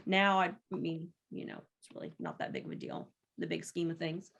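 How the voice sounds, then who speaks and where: A middle-aged woman telling stories about her daughter's childhood in a casual podcast chat, vivid and expressive. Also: low voice, normal speed, creaky, husky. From rural United States farming community. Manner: animated storyteller, acts out voices in quotes. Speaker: guest, mother of the co-host.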